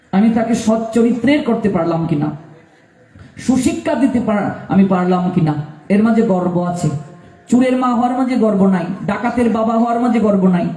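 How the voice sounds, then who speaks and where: High-voiced preacher. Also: male voice, mellow. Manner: rhetorical questions, exhorting listeners. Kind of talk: devotional sermon. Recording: echoey room, mic at a distance.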